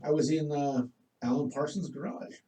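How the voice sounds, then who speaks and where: A man's voice: on the high side, normal speed, mellow, roomy sound, distant mic, low-quality recording. A man on a comedy podcast, cracking dry jokes and telling tall stories. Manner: dry, wisecracking storyteller. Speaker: podcast guest. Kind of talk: casual comedy chat.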